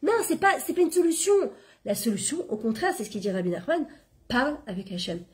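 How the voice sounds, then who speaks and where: With a slightly high voice and a somewhat quick pace, a middle-aged Torah teacher and coach leads a casual religious lesson. She chats animatedly in French and sprinkles in Hebrew words.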